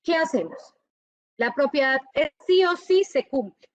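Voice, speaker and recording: High-voiced woman lecturing a class. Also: unhurried, no echo, lo-fi sound. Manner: lively, checks often with students. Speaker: university lecturer.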